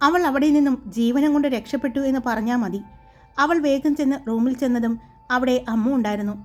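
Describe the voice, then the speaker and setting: A woman's voice: high-pitched, a little fast. A woman narrating a romantic audiobook story in a plain storytelling delivery. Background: soft background music.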